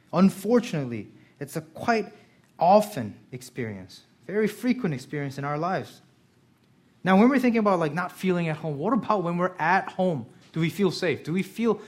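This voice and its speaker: Pastor who grew up in Korea, earnest sermon delivery, slightly high voice, soft reflection giving way to emphatic questions. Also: male voice. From South Korea.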